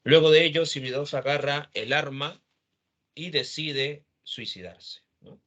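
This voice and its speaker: A man's voice: fairly high pitch, measured pace, a bit bright. A man teaching literature, retelling a novel's plot and quoting the characters' lines, often adding a questioning tag.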